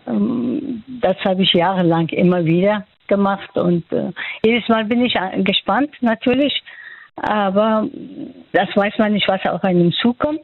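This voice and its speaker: Over a dry, tinny phone connection, a doctor from Afghanistan, an older woman, answers questions in a radio phone interview. Her medium-pitched voice carries an Afghan accent, and she hesitates often, using lots of fillers while she hunts for the right words.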